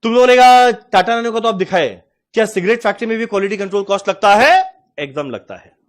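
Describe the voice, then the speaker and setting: High-voiced male accounting teacher. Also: expressive, fast talker. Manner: chatty, storytelling, addresses students as "tum log". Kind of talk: lecture with a personal anecdote.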